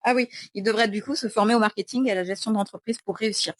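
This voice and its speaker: A woman's voice: mid-range voice, fairly even intonation, quick pace, dry recording. A woman hosting a podcast, joking and teasing her guest in casual slang. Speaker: podcast host.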